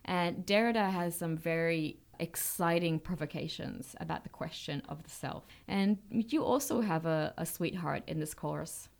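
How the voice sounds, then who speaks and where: A woman's voice: low voice, moderate pace, vocal fry, hardly any pauses. Playful woman podcast co-host. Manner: playful, teasing, some stammering. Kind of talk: casual academic chat.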